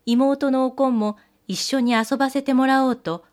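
A woman telling an old fairy tale in gentle storybook narration with old-fashioned polite phrasing. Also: sits high, fairly even intonation, normal speed.

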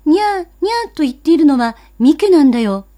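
A woman voicing a small, excitable boy in a storybook reading, talking loudly and bluntly. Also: high voice, a little fast, voice pushed up. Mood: eager. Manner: loud, eager, boyish.

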